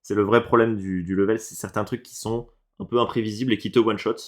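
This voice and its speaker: Talking fast, a French reaction streamer offers casual commentary on video game levels. He alternates between quiet muttering and excited bursts laced with swearing.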